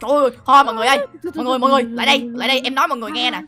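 A young woman narrates her game in a high, bright, fast voice. She exclaims and shrieks dramatically and throws teasing threats at the enemy. Faint music plays underneath. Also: steady tone. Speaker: gaming video host. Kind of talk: excited game commentary.

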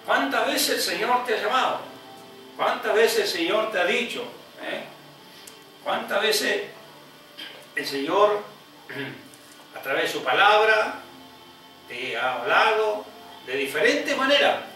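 A man, an evangelist preaching a sermon emphatically, often rising high on repeated phrases and adding "¿eh?" asides. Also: animated, slow, pauses often, pushed and bright, soft background music. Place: church. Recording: echoey hall, heard from a distance.

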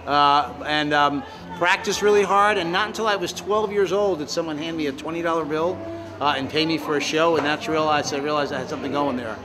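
A man's voice: fairly high pitch, brisk, background noise. An American man in his sixties, chatting in an upbeat, casual interview as a ventriloquist. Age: 60s. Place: large open-sided fairground shed.

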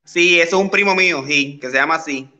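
A man's voice: fairly high pitch, fast, bright, forceful tone, lo-fi sound. A man voicing a brash, flirty single Cuban woman in her late twenties, with a Cuban accent and a boastful, playful manner over a video call. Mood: sassy.

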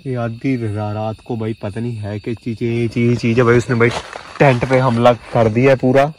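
Speaking at normal speed in a level, medium-pitched voice, a young man in his twenties vlogs solo camping on a handheld phone at arm's length. The footage moves from a forest at night into a small tent, and he stammers nervously and restarts words against background noise.

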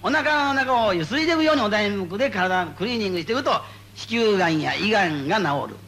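A man giving spoken Buddhist guidance to a gathering, playful and animated, repeating phrases for emphasis. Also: high-pitched, fast, a little hiss or hum. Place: meeting before a live audience.

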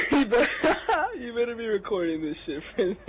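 A man's voice: very high-pitched, very animated, a bit bright, slight background noise, rough recording. A man in a gaming voice chat, giggling and calling out enemy positions. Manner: giggling, rapid repeated callouts. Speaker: gamer in voice chat. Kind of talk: casual gaming banter.

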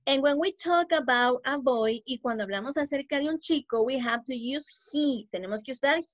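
A woman teaching English to young children over a video call, speaking slowly and clearly, repeating words and praising her pupils. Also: high voice, no echo. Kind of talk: bilingual online class for young children. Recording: dull video call audio.

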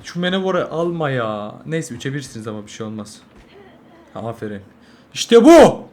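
A young man, a mobile game streamer, giving live gameplay commentary, swearing constantly and swinging from angry yelling to low muttering. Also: lively intonation, fairly quick. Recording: noisy game audio behind.

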